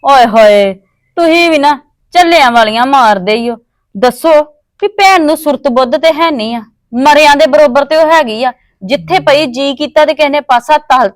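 A woman's voice: high voice, no echo, lightly acted. A woman playing a pragmatic, self-interested young married villager in a family drama, blunt and persuasive. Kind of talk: acted family drama dialogue.

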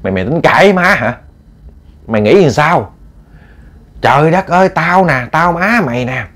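A man's voice: on the high side, big pitch swings, normal speed, fairly bright tone. A man voicing a stern, sick old mother who scolds her daughter bluntly and at length. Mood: scolding.

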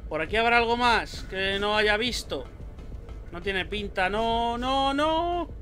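In his let's play of a horror game, a young YouTuber with a Spain Spanish accent talks at a measured pace in a high, sharp voice. He startles easily, swearing and yelping at the scares, and there's faint music in the background.

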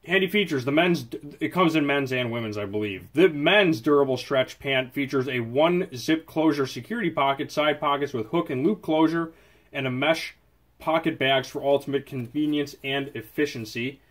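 A man with a mid-range voice talks at a moderate pace, reviewing a product casually and off the cuff. He's seated indoors at a desk, chatty and often correcting himself as he goes.

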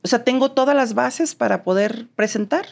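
A woman's voice: fairly high pitch, moderate pace, creaky. A Mexican woman with a neutral accent, a guest in an interview, telling her story animatedly and acting out the dialogue. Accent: neutral Mexican Spanish. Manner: animated, acts out quoted dialogue.

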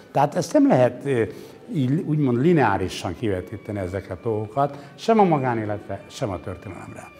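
Speaking in a mellow, mid-range voice, this man in his 60s is an exhibition curator being interviewed inside a gallery. He reflects and philosophizes, hesitating at times and pressing certain points hard, while music plays behind him and a lapel mic records him.

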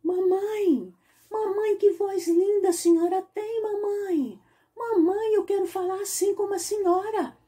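A woman voicing an eager little duckling boy in a children's story, with a high, pleading, childlike manner. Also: steady tone, a little slow, mellow.

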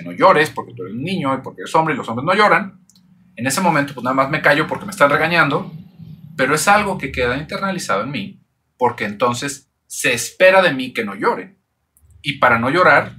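A man's voice: mid-range voice, pushed and bright. A man hosts a psychology channel. He gives a thoughtful explanatory monologue full of rhetorical questions.

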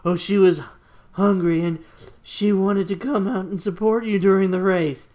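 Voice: mid-range voice, steady tone, normal speed, dark tone, lightly acted. An amateur reader voicing a plain-spoken young male hero in a fan-fiction reading, in a matter-of-fact way.

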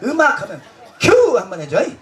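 Brief: high-pitched man, loud bawdy stage comic working the crowd, laughs through his lines. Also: wildly swooping pitch, normal speed. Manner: boisterous, bantering with the audience, crude jokes. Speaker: street comedy performer. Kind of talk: festival stage comedy show.

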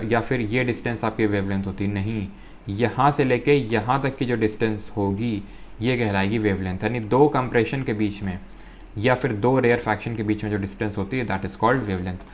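A man teaching an exam-prep physics lesson. He reads textbook lines slowly, then explains in Hindi, often saying "ठीक है". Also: mid-range voice, slight background noise.

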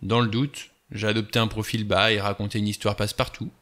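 A man's voice: lowish voice, level tone, fairly quick, fairly bright tone, close to an everyday voice. A man reading the part of a cool, sardonic male adventurer who talks in a wry, offhand way.

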